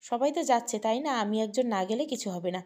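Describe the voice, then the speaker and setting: A woman voicing an excited young woman pleading with her friend to come to her party. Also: fairly high pitch, fast.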